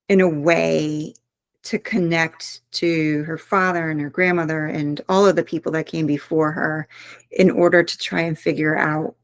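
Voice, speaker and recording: A woman with a lowish voice, an author, is the guest in an interview conversation, speaking reflectively and earnestly as she thinks aloud. The recording is dry and close, with little room sound and no echo.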